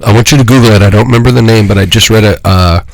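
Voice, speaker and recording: A man's voice: lowish voice, very fast, creaky, dry recording, poor audio. A man co-hosting a casual podcast, playful and teasing, chewing gum as he talks. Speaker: podcast co-host. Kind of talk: casual chat.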